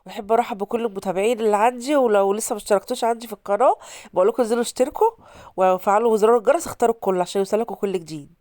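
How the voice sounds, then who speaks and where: A woman's voice: mid-range voice, warm tone, no room sound, clean studio sound. A woman from Alexandria with an Egyptian Arabic accent, hosting a casual cooking vlog while congested from a cold, chatty and repeating herself to viewers. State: stuffy nose from a cold. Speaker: cooking channel host.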